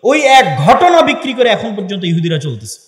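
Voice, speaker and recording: An Islamic lecturer gives an impassioned, sermon-like speech to an audience in a large hall, rattling off rhetorical questions. His high-pitched voice swings widely in pitch and moves fairly quickly, and the hall echoes with long reverb.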